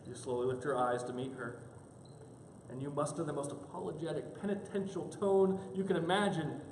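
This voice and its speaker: Speaking at a moderate pace in a fairly high voice, a male pastor tells a story during his sermon and animatedly plays its characters in quoted asides. He's in a church sanctuary, so the audio echoes, with a touch of hiss or hum.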